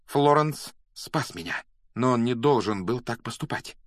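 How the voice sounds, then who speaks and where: A man's voice: fairly low pitch, normal speed, dry recording, close to an everyday voice. A man voicing a frightened, agitated schoolboy in a storybook reading, speaking in a tense, urgent way.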